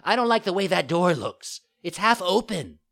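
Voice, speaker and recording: A storybook marionette boy, stubborn and small, whines loudly in a very high voice. He protests petulantly at a quick pace, his pitch swinging widely up and down.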